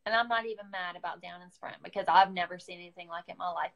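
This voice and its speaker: A woman's voice: on the low side, rapid-fire, gravelly, a bit bright. A woman, a beauty guide with an Oklahoman accent, telling a story in a chatty, casual live chat, full of fillers and quoted asides.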